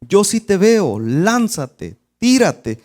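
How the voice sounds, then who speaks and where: A man's voice: high voice, very animated, extremely slow, a little mellow, voice pushed up, full character voice. A man plays a worried father urging his child on. The voice is raised, urgent and coaxing.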